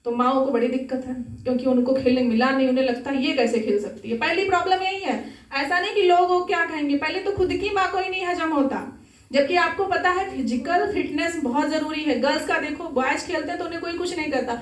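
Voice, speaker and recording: Young woman speaker, high voice, earnest and exhorting, miked from a distance. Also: quick pace. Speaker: spiritual speaker. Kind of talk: Sunday talk to a gathering. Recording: echoey hall, mic at a distance.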